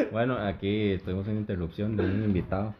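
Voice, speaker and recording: A man's voice: on the low side, mellow, a little hiss or hum. A young man with a Costa Rican accent hosting a podcast, chatting casually in slang, laughing often and trailing off mid-sentence. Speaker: podcast host. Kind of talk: casual chat. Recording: muffled lo-fi audio.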